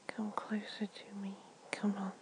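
A woman in an ASMR comfort roleplay, talking in a soft, gentle whisper. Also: medium pitch, monotone, a little slow. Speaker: ASMR performer.

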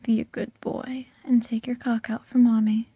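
A woman's voice: a little high, level tone, moderate pace, dark tone, breathy edge, no room sound. A woman performing a whispered audio roleplay close to the microphone, teasing and coaxing in a mostly whispered voice.

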